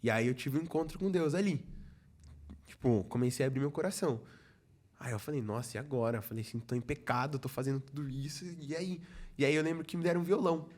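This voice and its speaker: A young Brazilian man who runs a church youth ministry shares his personal testimony as a guest in a relaxed podcast chat. His voice is medium-pitched, quick, and darkish. He tells it as a story, acting out the quoted dialogue and adding many "falei assim" asides.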